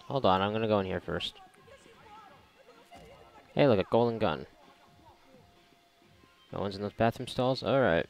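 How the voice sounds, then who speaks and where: In a muffled recording, a man with a lowish voice and vocal fry speaks unhurriedly and pauses often. He's commentating on a video game in a rambling, sarcastic, foul-mouthed way over its music and sound.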